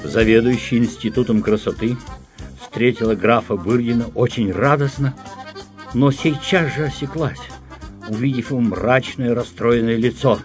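A man's voice: medium pitch, normal speed. Theatrical male storyteller, faint music behind. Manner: theatrical, melodramatic delivery. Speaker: narrator. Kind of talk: comic story reading with acted dialogue.

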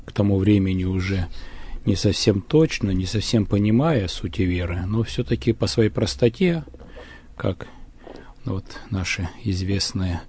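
A man in a religious discussion, speaking haltingly with many fillers and restarts. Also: on the low side, darkish tone, husky.

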